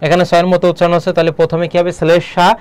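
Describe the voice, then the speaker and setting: Bangladeshi guy teaching online class, highish smooth voice, keeps asking students questions. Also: completely flat delivery, a little mellow. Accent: Bangladeshi Bengali. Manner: quizzing students with quick questions. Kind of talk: online exam-prep class.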